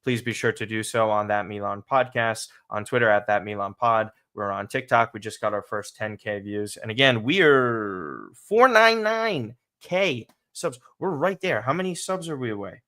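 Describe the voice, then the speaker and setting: A man's voice: lowish voice, unhurried, few pauses, a bit bright. A man with a slight lisp hosting a soccer podcast livestream, talking casually and emphatically to his viewers. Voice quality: slight lisp from dental aligners.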